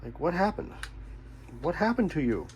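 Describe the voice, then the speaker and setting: In a rough recording, a man fixing a radio for his own video chats offhandedly and thinks through the job aloud, asking himself questions along the way. His voice sits on the high side, darkish and husky, with a sing-song lilt at a moderate pace.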